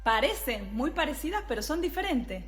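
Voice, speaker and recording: Brief: young female flute teacher, fairly high voice, patient and explanatory, frequent check-ins. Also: big pitch swings, moderate pace, over loud music. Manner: scat-sings rhythms between phrases. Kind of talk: music tutorial.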